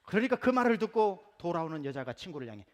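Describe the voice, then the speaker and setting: A man's voice: high-pitched, fast talker. A male pastor from Gyeongsang province delivering a humorous, story-filled sermon in a church. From Gyeongsang province, Korea. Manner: animated storytelling with humor, acts out quotes. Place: church sanctuary. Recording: reverberant church hall.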